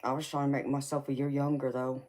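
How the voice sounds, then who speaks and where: A woman in her forties with a slight Southern American twang reads tarot on a livestream, casually answering live chat and calling viewers baby and honey. Her voice is very deep and darkish, with little pitch movement, and she talks fast.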